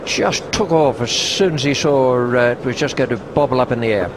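A man's voice: mid-range voice, moderate pace. A man commentating live cricket on TV with short, clipped remarks. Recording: broadcast with loud crowd and noise.

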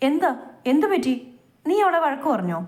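A woman's voice: high voice, very animated, normal speed, a little mellow, pitched above the performer's own voice. A woman reading a confident, protective young husband. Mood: concerned. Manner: confident, reassuring.

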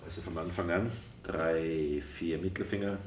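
An older man from Tyrol giving a calm step-by-step ukulele lesson, counting in and explaining slowly. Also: low voice. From Tyrol, Austria. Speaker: ukulele teacher. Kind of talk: relaxed step-by-step music lesson. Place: wood-paneled room indoors. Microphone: camera mic at a distance. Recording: echoey room, voice from far off. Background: ukulele playing.

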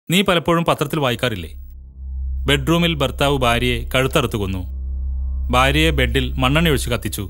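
An actor playing an earnest elder brother who gives his sister a long, measured lecture in a home movie. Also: on the high side, fairly bright tone.

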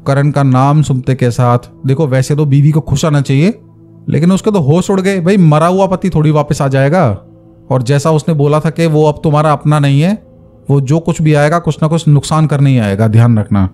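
Man, casual horror storytelling, chatty asides, mellow, fairly high voice. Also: normal speed, faint music behind. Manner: conversational, explains terms with asides.

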